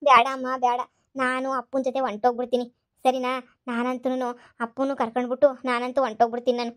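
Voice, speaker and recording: A woman's voice: sits high, flat delivery, quick pace, a bit bright. A woman voicing a scheming young fake daughter who pleads tearfully. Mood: pleading. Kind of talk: cartoon voice acting.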